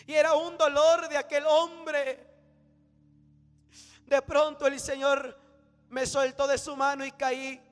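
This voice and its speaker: A man preaching a fiery sermon about a vision, swinging from shouts to hushed tones. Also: extremely high pitch. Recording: reverberant hall with faint music.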